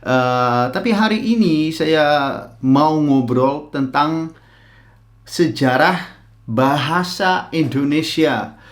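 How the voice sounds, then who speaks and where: Male creator, unhurried and halting, slightly high-pitched. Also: fairly bright tone. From Netherlands. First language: Dutch. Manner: hesitant, frequent "eh" fillers and restarts. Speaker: content creator explaining language history. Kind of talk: casual explainer talking to camera.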